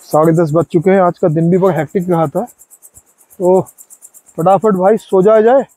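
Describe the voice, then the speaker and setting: A man's voice: high voice, fairly even intonation, normal speed, mellow, slightly rough, no room sound, poor audio. A man in his forties chatting casually to viewers and friends while camping outdoors by a river in a forest, recorded close on a handheld phone. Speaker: vlogger. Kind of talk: casual camping vlog narration. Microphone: phone camera held close.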